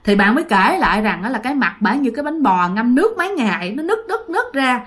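A woman's voice: on the high side, sing-song, quick pace, a bit bright. A woman with a Southern Vietnamese accent telling a ghost story dramatically, speaking straight to her listeners. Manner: dramatic, addresses listeners directly. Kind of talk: spoken ghost-story narration.

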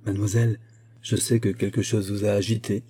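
A man reading an audiobook, voicing a gentle, concerned young man in a soft, subdued voice. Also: lowish voice, flat delivery, a little fast, breathy edge. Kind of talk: audiobook character voice.

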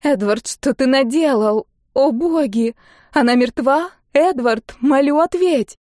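A woman's voice: fairly high pitch, a little fast, darkish tone, no echo, clean studio sound, pitched above the performer's own voice, natural voice. A woman voicing a humiliated captive countess who pleads in a raised, urgent voice. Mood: pleading. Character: desperate, humiliated captive noblewoman.

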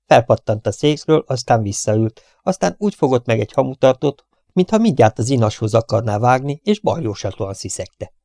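A man narrating a novel as an audiobook reader, in a steady storytelling manner. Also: medium pitch, gravelly, dry recording, studio quality. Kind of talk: scripted narration.

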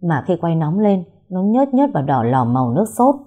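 Low husky woman narrating a story. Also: very animated, normal speed, phone-quality sound.

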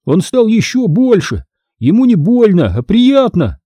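A man reading an audiobook voices an earnest, curious young boy. He sounds eager and lifted, pitched well above a grown man. A dark, husky grain stays in the voice. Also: sing-song, moderate pace, no echo, dull audio, heavily acted. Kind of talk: audiobook character voice.

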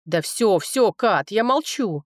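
A woman's voice: medium pitch, animated, slow, no room sound, studio quality. A woman reading an audiobook, voicing a brusque, mocking young man. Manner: brusque, scoffing. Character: brash, mocking young man, hot-tempered.

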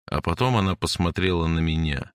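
A man narrates an audiobook in a low, even voice. His storytelling is measured and steady. The recording is close and dry, with no room sound. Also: clean tone, no echo.

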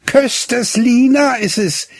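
A man reading aloud and voicing a cheeky, quick-tongued farm girl with pert, teasing retorts. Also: very high voice, no room sound, studio quality, voice pushed up, full character voice.

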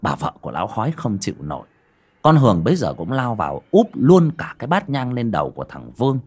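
Husky man narrating a horror story. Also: fairly low pitch, wildly swooping pitch, quick pace. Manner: dramatic storytelling.

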